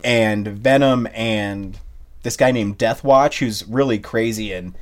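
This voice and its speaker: A man's voice: fairly low pitch, slow. A man co-hosting a podcast, chatting casually about movies in a rambling, hesitant way with many restarts. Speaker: podcast co-host.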